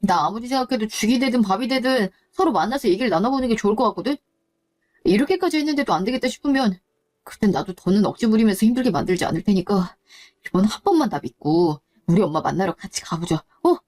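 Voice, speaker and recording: A woman voicing an earnest young man who speaks in a soft, coaxing way in a story drama. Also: medium pitch, animated, fast, lightly acted. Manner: coaxing, fond.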